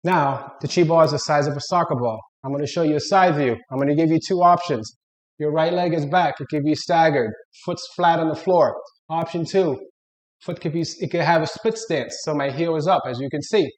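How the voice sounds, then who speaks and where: A man coaching an exercise, giving plain-spoken step-by-step instructional cues. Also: on the high side. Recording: echoey room.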